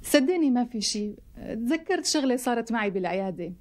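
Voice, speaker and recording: Actress as a polite young doctor, Syrian accent, apologetic, fairly high voice, TV comedy. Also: female voice, lively intonation, quick pace, darkish tone, natural voice. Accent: Syrian Arabic. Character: polite young female doctor, sheepish gift-giver. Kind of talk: TV sitcom acting.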